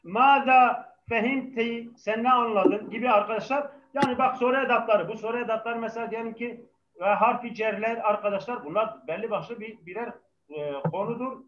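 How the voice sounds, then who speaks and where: A man's voice: very high voice, fairly quick, fairly bright tone, a little hiss or hum. A male language teacher patiently drilling his class, his voice carrying a heavy echo from the microphone. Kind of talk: live class lesson with student call-and-response. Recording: echoing, dull microphone sound.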